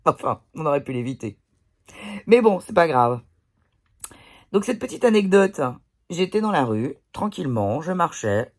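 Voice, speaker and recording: Low-pitched and very animated, the woman talks at a moderate pace with frequent pauses. She's a vlogger recording herself on her phone indoors, pillow at her back, casually swearing through blunt everyday anecdotes.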